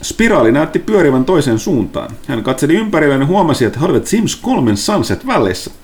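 A man from Finland who runs a tabletop game as game master, narrating the scenes with animated storytelling. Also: on the high side.

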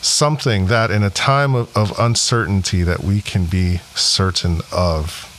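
Low-voiced earnest podcast host man. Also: a little slow, fairly bright tone, slight background noise. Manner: earnest, reflective, joking. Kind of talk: casual podcast chat.

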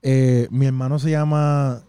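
Mellow-voiced man explaining patiently. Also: medium pitch, little pitch movement, measured pace, clean tone, no echo. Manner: earnest, explains patiently, a bit hesitant. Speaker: podcast co-host. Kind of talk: casual chat.

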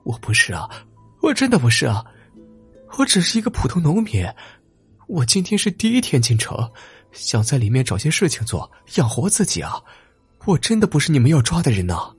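A male storyteller becomes a timid young farm boy, his voice jumping high as he sobs and pleads. The tone is husky and breathy, rising and falling wildly. Faint music sits underneath. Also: very animated, brisk, full character voice. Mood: pleading, tearful. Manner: high, tearful begging.

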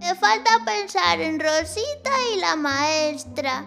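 A woman voicing a small, earnest young male penguin with a squeaky child-like voice in a children's story. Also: expressive, slow, creaky, music in the background, full character voice. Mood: thoughtful, eager. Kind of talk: children's audio story acting.

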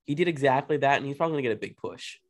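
A man co-hosting a casual podcast chat, playful and quick to riff on a joke. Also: medium pitch. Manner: lively, playful, riffs on bits. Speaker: podcast co-host.

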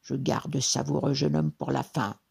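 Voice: medium pitch, level tone, normal speed, gravelly, darkish tone, breathy edge, heavily acted. A reader putting on a grumbling forest genie. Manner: grumbling, then whimpering and pleading. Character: hulking male forest genie, greedy bully turned coward. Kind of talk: storybook character voice.

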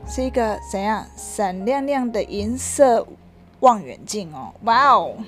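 A mother reading a picture book aloud to her child, lively and stopping to ask questions. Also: medium pitch, a little slow, soft background music.

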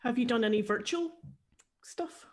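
A woman's voice: fairly high pitch, lively intonation, moderate pace, darkish tone. A woman co-host putting interview questions in a polite, tentative way.

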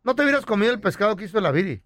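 A man co-hosting a radio show, cracking jokes and throwing in quick remarks. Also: high-pitched, expressive, a bit bright, no echo, clean studio sound. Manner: teasing, quick interjections, jokes. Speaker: radio co-host. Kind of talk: casual radio banter.

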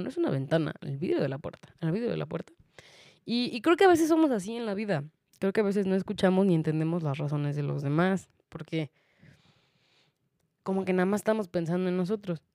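A woman's voice: fairly low pitch, a little mellow, no echo, studio quality. A young woman with a Mexican accent telling a personal story in a chatty way, often laughing and using many fillers. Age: young adult. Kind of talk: casual storytelling monologue.

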